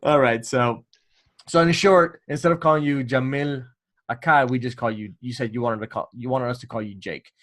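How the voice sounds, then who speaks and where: A male podcast host in a relaxed interview. His voice sits at a middle pitch. He talks in a friendly, joking way and often stumbles over repeated words. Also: moderate pace. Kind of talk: casual interview chat.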